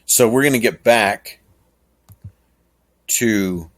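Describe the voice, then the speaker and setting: A man hosting a podcast, talking casually in a rambling, chuckling way. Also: on the low side. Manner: rambling, chuckling, slow and drawn out. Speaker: podcast host. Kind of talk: casual monologue.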